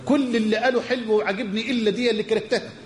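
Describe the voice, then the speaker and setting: An Egyptian man preaching a sermon, telling a story with passionate repetition and quick colloquial asides. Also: high-pitched, steady tone. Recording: echoey hall with long reverb.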